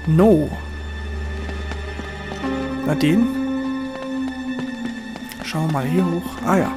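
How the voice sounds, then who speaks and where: A man giving excitable gameplay commentary, swearing at enemies and cheering himself on. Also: a little high, extremely slow. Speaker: let's player. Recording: voice over game music and gunfire.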